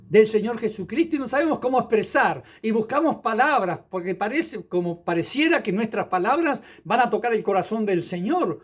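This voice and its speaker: A male evangelist with a fairly high voice delivers a passionate sermon. He drops hallelujahs between his phrases as he preaches. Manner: fervent preaching with interjected hallelujahs.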